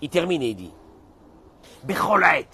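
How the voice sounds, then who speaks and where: A man, a rabbi, giving a lively sermon that talks straight to his listeners and mixes in Hebrew terms. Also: a little high, normal speed, slightly rough. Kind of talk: animated sermon.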